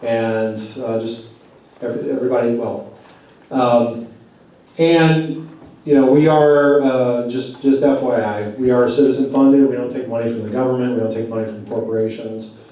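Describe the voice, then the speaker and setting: A man's voice: mid-range voice, steady tone, moderate pace, mellow. A man speaking to a community forum in a loose, conversational way, his voice getting worn. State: losing his voice. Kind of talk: public address at a community meeting. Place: church meeting hall. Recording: very echoey hall, voice far from mic.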